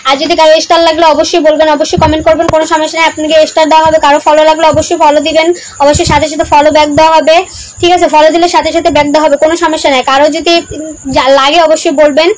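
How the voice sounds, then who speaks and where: A young woman hosting a casual livestream, reading comments aloud and loudly urging viewers to share, comment and follow, repeating herself often. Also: high-pitched, little pitch movement, quick pace, slight background noise, rough recording. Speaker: livestream host.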